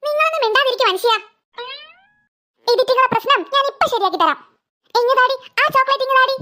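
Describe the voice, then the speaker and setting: A woman's voice: extremely high pitch, lively intonation, quick pace, pushed and bright, heavily acted. A woman voicing a fed-up mother who scolds her squabbling daughters in a cartoon. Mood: scolding. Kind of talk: cartoon voice acting.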